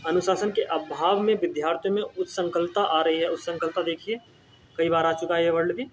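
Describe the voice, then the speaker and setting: Man, young adult, exam-prep spelling lesson, patient repeating manner, higher voice. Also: steady tone, brisk, slight background noise. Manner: explains patiently, repeats words, often says "ठीक है ना". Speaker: teacher.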